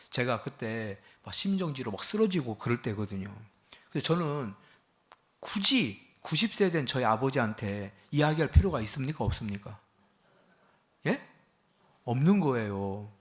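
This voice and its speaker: A man's voice: mid-range voice, very animated, moderate pace. A man preaching a sermon to a congregation. He keeps asking them questions and acts out quoted speech in a raised voice. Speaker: pastor. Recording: church hall with a microphone.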